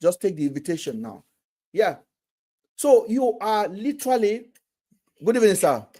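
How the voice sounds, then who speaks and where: A man's voice: high-pitched, sing-song, moderate pace, dark tone. A man hosting a casual live stream, talking animatedly and often restarting his words.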